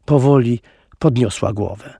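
A man narrating an audiobook in an expressive storytelling manner, recorded on a close studio mic. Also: mid-range voice, unhurried, vocal fry, slightly rough, dry recording. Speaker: audiobook reader.

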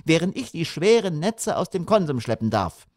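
A man playing a sharp-tongued mother. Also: fairly high pitch, animated, normal speed, no room sound, studio quality, pitched above the performer's own voice. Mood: pointed. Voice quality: pointed, sugary-sharp. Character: sharp-tongued middle-aged mother, prim and pointed. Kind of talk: audiobook character reading.

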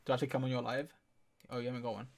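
A man's voice: mid-range voice, little pitch movement, very fast, gravelly. A man streaming a drawing game, reading out and thanking donations in casual, upbeat chat. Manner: upbeat, thanks donors warmly, laughs often.

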